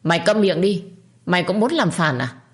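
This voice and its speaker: A woman voicing a spiteful, shrill older secondary wife who screams abuse at servants. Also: animated, normal speed, a little mellow, close to an everyday voice. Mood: furious. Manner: shrieking, scolding, abusive.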